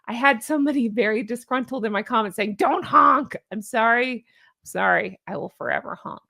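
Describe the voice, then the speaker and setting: Chatty, higher-pitched woman with a honking voice. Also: brisk, vocal fry, a bit bright, dry recording. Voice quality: honking voice, likened to a goose. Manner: chatty, jokey, exclamatory. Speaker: YouTube host. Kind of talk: casual livestream-style reaction commentary.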